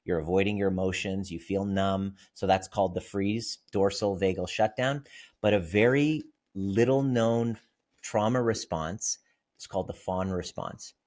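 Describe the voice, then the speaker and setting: Man, fairly low voice, therapist guest, podcast interview, explanatory, storytelling. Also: a little slow, a little mellow. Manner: explanatory, vivid storytelling with examples.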